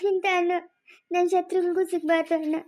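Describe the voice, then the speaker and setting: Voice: very high-pitched, level tone, a little fast, darkish tone. Someone acting a sobbing young bride. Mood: tearful pleading. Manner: sobbing, pleading. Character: tearful young bride pleading with her brother, woman. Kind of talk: family village drama.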